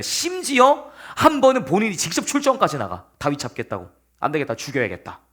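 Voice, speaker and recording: A youth pastor with a high-pitched voice delivers a casual sermon to young people. He tells the story animatedly and addresses his listeners directly.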